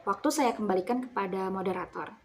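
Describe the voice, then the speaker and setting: A woman's voice: mid-range voice, fast, noisy background. A young woman student giving a class presentation, explaining step by step with fillers and self-corrections.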